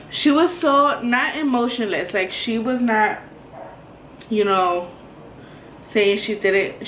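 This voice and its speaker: Chatty young woman vlogging in echoey room. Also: medium pitch. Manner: rambling, chatty, many ums and likes. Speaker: beauty vlogger. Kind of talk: casual chat to camera. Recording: echoey room, faint noise.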